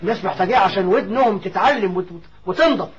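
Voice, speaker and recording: A man's voice: sits high, animated, fast talker, muffled recording, a crowd in the background. A man with an Egyptian accent who talks emphatically, repeats himself and also recites the Quran. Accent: Egyptian Arabic. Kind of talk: casual chat and Quran recitation.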